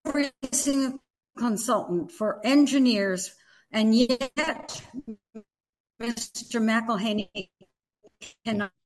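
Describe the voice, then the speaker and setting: A woman speaks slowly and haltingly on a remote call, her exasperated public comment pressing its point. Her connection glitches and breaks up, so the audio drops and warps between words. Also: fairly high pitch, slight background noise, rough recording. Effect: glitching, breaking-up online call audio. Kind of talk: public comment at a board meeting. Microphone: remote online call.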